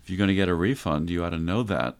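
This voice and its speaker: A low-voiced man speaks fast, hosting a conversational radio advice show and instructing his listeners directly.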